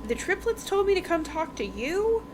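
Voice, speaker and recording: With an extremely high, sing-song voice at a normal speed, this woman hosts a book review podcast. She retells a novel's plot in a chatty, conversational way, acting out bits of dialogue as she goes. The recording carries an obvious noisy background.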